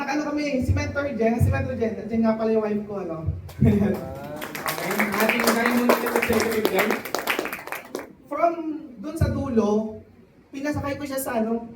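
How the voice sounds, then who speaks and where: A man giving a motivational testimony to a live audience, often turning to the crowd with quick questions. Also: extremely high pitch, noisy background. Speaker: testimonial speaker at a sales event. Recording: echoey hall, voice from a distance.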